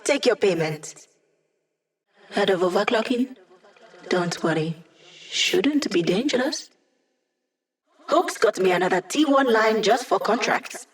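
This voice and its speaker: A woman's voice: mid-range voice, animated, takes it slowly, pauses often. A young hacker ally from a video game. She is playful and wry. Her delivery is casual, full of teasing asides.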